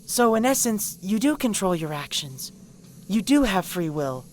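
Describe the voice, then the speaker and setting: A woman voicing a hyper, secretive young female party pony who talks in bouncy, rapid bursts, in a fan-made cartoon parody. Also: medium pitch, very animated, darkish tone, a little hiss or hum. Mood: reassuring.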